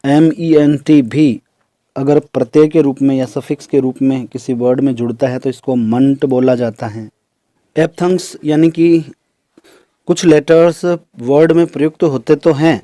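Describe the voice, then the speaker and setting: A man teaching English pronunciation in a recorded lesson, explaining slowly and listing example words one by one. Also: medium pitch, dark tone, no room sound. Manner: explains slowly, repeats terms in Hindi and English.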